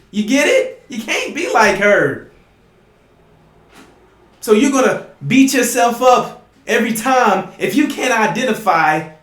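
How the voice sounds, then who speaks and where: A man preaching emphatically to his listeners, often asking "you see?" and sometimes rising to a shout. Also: sits high, roomy sound. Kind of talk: impassioned preaching monologue.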